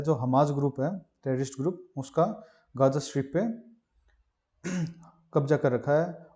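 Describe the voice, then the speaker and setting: A man's voice: a little high, mellow. A male teacher giving an exam-prep geography lesson. He teaches with memory stories, and he keeps asking questions and answering them himself. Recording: muffled lo-fi voice-over.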